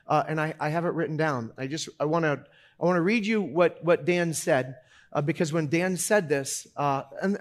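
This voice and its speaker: A man in his fifties preaching a sermon and telling a story. He talks in halting bursts with many restarts, going quiet and low for sad parts. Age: 50s. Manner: halting, repeats words, drops low and quiet for sad moments; loud and animated when joking. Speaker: pastor.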